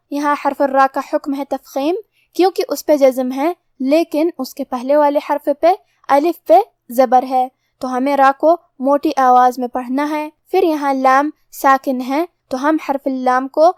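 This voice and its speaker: Her voice light and high, a female teacher lays out recitation rules in careful steps. The tone is steady and the pace measured and methodical, captured in a close, dry recording free of room echo.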